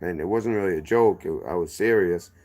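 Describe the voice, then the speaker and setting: With a low, darkish voice and a slightly fast pace, this inner-city Boston man, strong accent and all, shares his story as a guest. His casual storytelling drifts off on tangents, circles back, and self-corrects.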